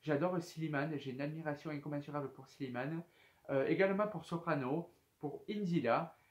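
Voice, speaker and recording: A man of twenty-one talks casually to the camera as a YouTube host, stumbling and using lots of fillers while reading out questions from viewers in an FAQ segment. His voice leans high, and he speaks at a normal speed.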